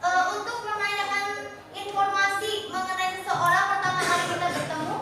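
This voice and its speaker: A woman's voice: extremely high pitch, level tone, normal speed, pushed and bright, faint music behind. A female English teacher from Central Java, leading a class with questions and sing-song repetition, heard from afar in a school classroom. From Brebes, Central Java, Indonesia. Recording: very echoey classroom from far off, with noise.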